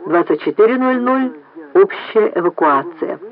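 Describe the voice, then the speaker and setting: A stern, clipped young director, as a man acts him, barking short orders in a radio drama. The voice sits high and lively. The sound is thin, like a phone line. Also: unhurried. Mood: commanding. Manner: curt, gives orders. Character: young stern male base director, brisk and commanding. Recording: tinny phone-like lo-fi recording.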